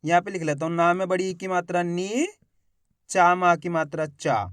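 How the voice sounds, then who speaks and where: High-voiced man teaching Hindi reading. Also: fairly even intonation, clean tone, dry recording, clean studio sound. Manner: slow drawn-out syllables when sounding out words; friendly direct address to viewers. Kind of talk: spoken lesson to camera.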